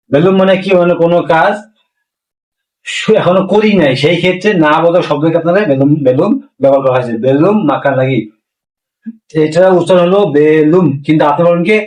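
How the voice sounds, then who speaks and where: A Bengali-speaking man teaching a language lesson, slowly repeating words to drill their pronunciation. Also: fairly high pitch, a little mellow, echoey room, far from the mic, rough recording.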